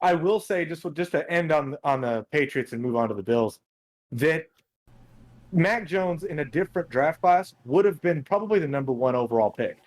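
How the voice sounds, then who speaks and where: Male co-host, slightly high voice, blunt and opinionated, repeats his words. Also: animated, moderate pace. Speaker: podcast co-host. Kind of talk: casual fantasy football chat.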